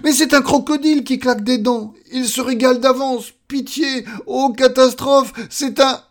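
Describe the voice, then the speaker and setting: A man voicing a timid little man who panics and shrieks high, stammering when frightened. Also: a little slow, gravelly, exaggerated voice. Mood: terrified.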